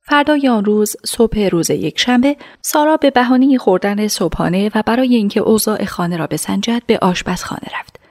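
A woman narrating a radio drama in a measured, hushed storytelling voice. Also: medium pitch, lively intonation.

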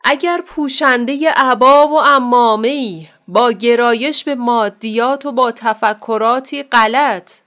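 A woman's voice: a little high, a bit bright. A woman voicing a composed, firm woman doctor addressing a hall.

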